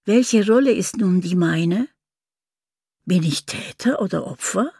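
A woman narrating a literary first-person story in a slow, poetic manner, sometimes dropping into a whisper. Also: mid-range voice, expressive, mellow, husky, no room sound, clean studio sound.

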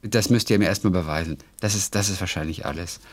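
A man's voice: low-pitched, fast talker, a loud crowd. A German-speaking man co-hosting a casual chat, reading aloud and looking up words. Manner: reads aloud and looks up words. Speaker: podcast co-host.

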